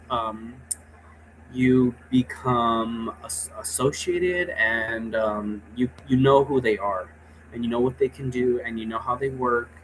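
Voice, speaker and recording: A vlogger with a mid-range voice gives a loose, rambling rundown of role play rules, checking in often with a questioning "right?" at the end of sentences. The recording is low quality, with slight background noise.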